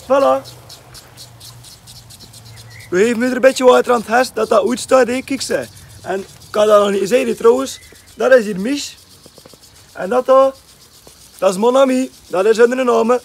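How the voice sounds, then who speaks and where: A young man from West Flanders chats through his vlog in a broad West Flemish accent. His voice sits high and sounds a little husky, and he keeps dropping small fillers between sentences. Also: moderate pace, pauses often. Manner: chatty, with frequent filler tags. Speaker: vlogger. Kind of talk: casual vlog chat. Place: outdoors and at home.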